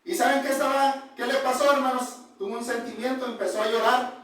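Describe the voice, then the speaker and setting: High-voiced preacher in an echoey hall. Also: male voice, level tone, fairly bright tone. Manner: addresses listeners as brothers constantly, halting with restarts. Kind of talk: informal Bible sermon. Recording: echoey room, distant mic.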